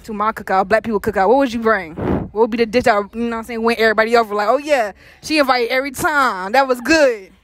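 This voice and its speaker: A woman's voice: on the high side, quick pace, hardly any pauses, no echo. A young woman asking shoppers questions in a mall, playful and joking with her guests. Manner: playful, laughs and jokes with guests. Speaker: street interviewer. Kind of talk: casual street interview.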